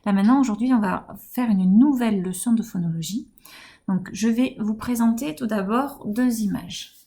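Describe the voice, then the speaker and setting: A woman kindergarten teacher with a French accent, giving a home-school phonics lesson to young children, speaking slowly and articulating each word with gentle encouragement. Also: on the high side.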